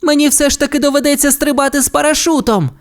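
A woman voicing a spirited young female stunt pilot in an audio fairy tale, talking in excited exclamations. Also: fairly high pitch, normal speed, pitched above the performer's own voice, natural voice. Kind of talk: audiobook character voice.

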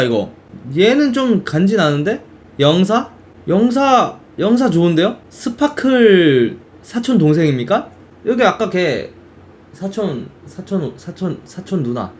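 Slight background noise accompanies this game streamer, a young man with a fairly high-pitched voice. He chats casually about games in an animated way, exclaiming and acting out reactions as quoted bits.

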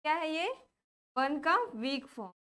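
Teaching grammar, this young Indian-accented woman speaks in a high, clear voice that is bright, forceful and unhurried. Again and again she asks her students something, supplies the answer herself, and goes back over each main point.

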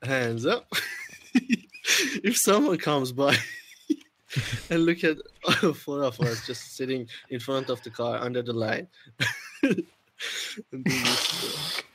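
A man's voice: mid-range voice, takes it slowly, long pauses, a bit bright, slight background noise. A man chatting casually with friends during a multiplayer game, laughing constantly between lines. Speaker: gaming group member.

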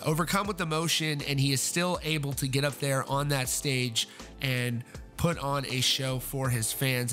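A man's voice: medium pitch, fairly bright tone. Earnest male rock news voice-over. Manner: earnest, with frequent fillers and restarts. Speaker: news host.

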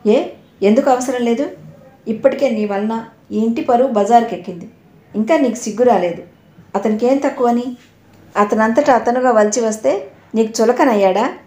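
A man's voice: very high-pitched, normal speed, long pauses, dark tone. A woman voicing a harsh older brother who speaks sarcastically and scolds. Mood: scornful. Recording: roomy echo.

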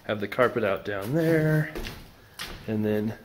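A man's voice: lowish voice, takes it slowly, slight background noise. A man walking through a half-renovated house with a handheld phone, casually narrating what he sees. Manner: relaxed, offhand, thinking aloud with small restarts. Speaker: real estate investor giving a house tour. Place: empty house under renovation, indoors and out.

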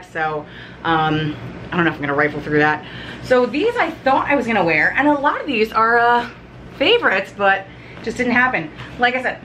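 A woman's voice: mid-range voice, pushed and bright, a little hiss or hum. A woman in her thirties chatting casually as she unpacks, rambling with lots of "um" and "like", filmed at home in her living room. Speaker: vlogger. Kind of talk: casual unpacking haul chat.

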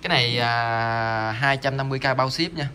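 A man's voice: mid-range voice, moderate pace, noisy background. A man selling salvaged electronic parts online, chatting casually while demonstrating them, rambling with frequent fillers and repeated words. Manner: rambling, stammering, lots of fillers.

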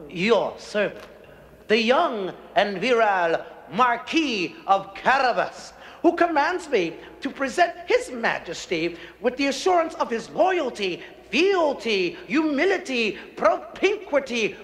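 Booted cat servant, flamboyant, deferential, slow theatrical delivery, animated pitch, fairy-tale drama. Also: male voice, long reverb tail, full character voice. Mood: fawning. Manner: florid, showy, deferential. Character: wily, flamboyant, courtly talking cat servant in boots.

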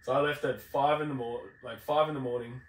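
A man's voice: mid-range voice, fairly even intonation, brisk. Blokey Australasian man in a roomy space. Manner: blokey, slangy, sweary. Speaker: podcast host. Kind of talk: casual chat, telling travel anecdotes. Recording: roomy, distant mic, faint background noise.

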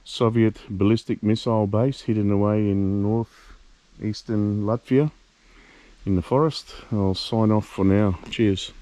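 Speaking a little slowly with fairly even intonation, in a dry recording, a man vlogs as he explores an abandoned building and later drives. He thinks out loud and swears at fellow drivers, with the camera audio dull, lo-fi and full of loud engine noise.

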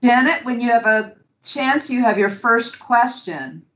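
A woman's voice: a little high, expressive, a little slow, fairly bright tone. A woman moderating an online talk, politely passing on audience questions. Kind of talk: moderating questions on a video call. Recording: echoey lo-fi video call audio.

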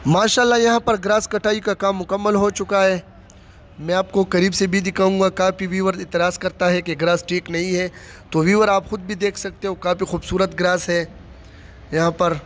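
With a high voice and level tone at a moderate pace, a Pakistani man gives a casual walking tour of a large stadium under construction. He records outdoors on his handheld phone, offering plain running commentary and repeating his phrases.

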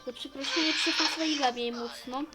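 High voiced woman rambling through a role-play game, excitable, music going in the background. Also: brisk, poor audio. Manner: chatty, narrates own actions, excitable outbursts. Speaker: gamer playing a role-play story. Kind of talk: casual in-character role-play narration.

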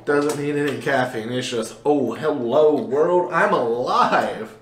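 A man's voice: medium pitch, takes it slowly. A young man co-hosting a beer review, talking in a playful, enthusiastic way. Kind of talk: casual chat. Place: room with a table, indoors. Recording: echoey room with faint noise.

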